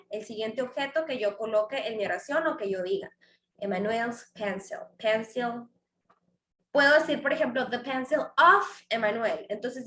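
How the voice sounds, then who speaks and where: Bright-voiced woman teaching in an echoey room. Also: high voice. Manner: explains patiently, repeats examples, asks and answers own questions. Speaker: English teacher. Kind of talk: bilingual grammar lesson. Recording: echoey room, faint background noise.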